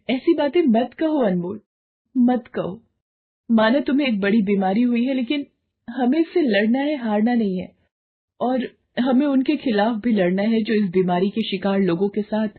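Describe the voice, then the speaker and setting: Loyal young wife speaking up hard, done by a woman narrator, raised and passionate, husky voice, tinny phone-like sound. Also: fairly high pitch, measured pace, pitched above the performer's own voice. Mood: impassioned. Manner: passionate, impassioned. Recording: muffled phone-like lo-fi audio.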